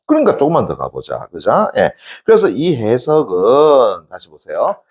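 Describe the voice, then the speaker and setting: Animated call-and-response male teacher. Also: medium pitch, moderate pace. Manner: call-and-response, keeps asking "됐니?" and answering himself; emphatic, shouts out examples. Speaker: exam prep Korean teacher. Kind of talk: classroom lecture.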